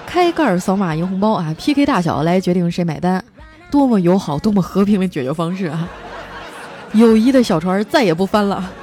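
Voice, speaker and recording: A woman host telling comic stories in a lively, chatty way, stretching out her sentence-end particles. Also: fairly low pitch, a little fast, noisy background. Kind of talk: comic storytelling monologue.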